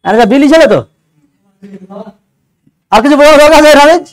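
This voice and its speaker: A man teaching English grammar in an exam doubt-clearing lecture, explaining step by step and asking his students questions along the way. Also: extremely high pitch, animated, moderate pace, rough recording.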